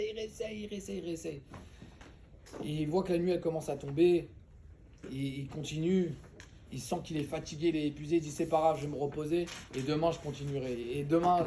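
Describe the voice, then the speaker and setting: A man with a high voice teaches a relaxed religious lesson, telling a parable in lively, slangy speech. He jokes with the people around him as he goes. Faint noise sits under his voice. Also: vocal fry. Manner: animated, slangy and joking with listeners. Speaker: Torah teacher. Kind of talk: casual storytelling lesson.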